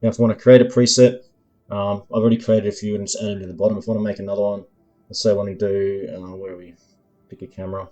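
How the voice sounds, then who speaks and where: A man demonstrating his own app in a screen-recording tutorial, explaining each control in an unhurried way, with lots of ums and uhs as he thinks aloud. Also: on the low side, little pitch movement, mellow, dull audio, faint music behind. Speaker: developer demoing his app.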